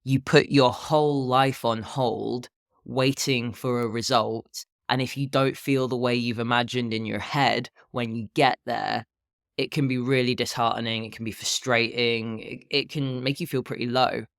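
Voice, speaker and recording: A man in his thirties talking casually and candidly on a solo podcast, with a low, unhurried morning voice. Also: steady tone, creaky, a bit bright, dry recording, clean studio sound. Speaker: podcast host and health and fitness coach.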